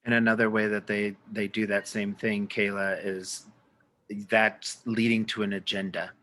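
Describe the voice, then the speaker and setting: A man speaking as a panelist on a video call in a halting way, restarting phrases. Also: on the low side, flat delivery, fairly bright tone. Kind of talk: panel talk.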